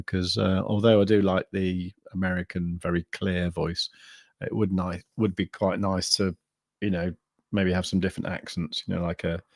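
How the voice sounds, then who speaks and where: This crypto livestream host has a deep, slightly mellow voice, recorded without echo. He chats casually, rambling along with many fillers and restarted sentences.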